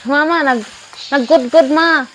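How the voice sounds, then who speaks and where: High-voiced playful young woman vlogger. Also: unhurried. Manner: playful teasing, frequent joking asides. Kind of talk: casual cooking vlog. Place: outdoors on a family farm. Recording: loud insect and cricket noise.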